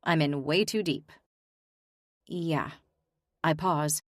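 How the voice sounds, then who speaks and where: A woman's voice: mid-range voice, animated, moderate pace, no echo, clean studio sound. A young woman giving emotional, weary first-person audiobook narration. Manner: emotional, weary, introspective delivery.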